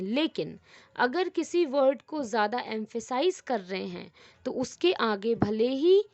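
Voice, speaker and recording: A woman teacher with a fairly high voice works slowly through an English grammar lesson, asking questions and then answering them herself. She repeats each rule more than once and switches easily between Hindi and careful, slowed-down English examples. The sound is dry and close, with no room echo. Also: vocal fry, darkish tone, highs cut off.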